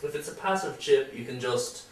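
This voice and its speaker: A man co-hosting a joking tech news chat, animated and slipping into mock voices. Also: mid-range voice, normal speed. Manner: animated, mimics voices in asides. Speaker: co-host. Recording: roomy, distant mic, faint hiss.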